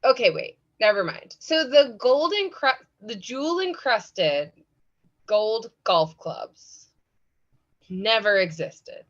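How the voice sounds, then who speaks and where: A woman's voice: fairly high pitch, big pitch swings, takes it slowly. Blunt joking woman co-host, lo-fi sound. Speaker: podcast co-host. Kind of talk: casual episode recap chat. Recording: dull lo-fi audio.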